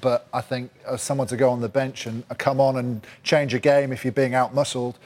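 Brief: male pundit, measured analysis, mid voice. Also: medium pitch, flat delivery, darkish tone. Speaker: studio pundit. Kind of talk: studio analysis.

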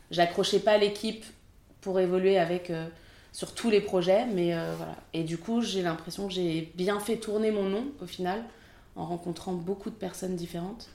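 A French woman in her thirties who works as a film assistant director chats candidly in a casual interview, using lots of fillers. Her voice sits on the low side with a darkish tone, and the room sounds echoey.

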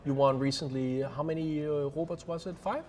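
A man's voice: on the high side, steady tone, brisk, darkish tone. Hesitant man hosting over lunch. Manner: hesitant, many uhs and repeated words. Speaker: podcast host. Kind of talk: casual interview over lunch.

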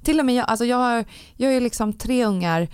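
A woman's voice: a little high, a little mellow, clean tone, no room sound, clean studio sound. A woman hosting a casual podcast chat, reacting emotionally with exclamations.

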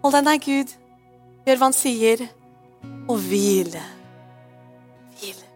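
Woman pastor, brightish higher voice, chatty sermon delivery with English words mixed in. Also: expressive, faint music behind. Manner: chatty, often asks "right?"; slips English phrases in.

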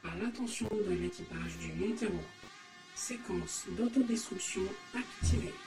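A man voicing a calm ship computer that announces alerts in a flat, repeating way. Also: high-pitched, measured pace, creaky, voice pushed up, heavily acted. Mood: calm announcing. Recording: echoey with faint music.

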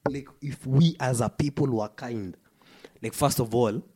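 A man with a husky voice and a Kenyan accent talks casually and emphatically, mixing English with Swahili slang and often restarting and repeating himself. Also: mid-range voice, unhurried, mellow. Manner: emphatic, stop-start delivery with repetition. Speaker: podcast co-host.

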